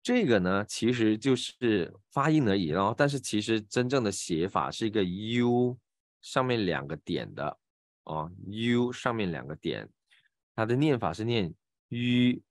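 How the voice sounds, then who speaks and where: A man with a Malaysian Mandarin accent teaching pronunciation in an online class, patiently demonstrating each sound with drawn-out repetitions. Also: fairly low pitch, lively intonation, no room sound. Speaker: voice acting teacher.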